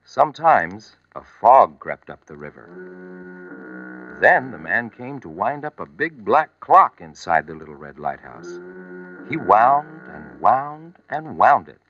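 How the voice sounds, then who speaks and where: Slow, lively storybook narrator, a man. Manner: slow, expressive reading with lively, rising and falling pitch. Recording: muffled old vinyl record with music.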